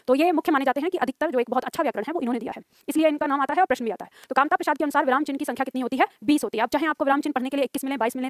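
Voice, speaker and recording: A woman's voice: high voice, no room sound, studio quality. A woman teacher giving a lecture to students, explaining with examples and repeating lines for them to write down. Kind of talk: classroom lecture.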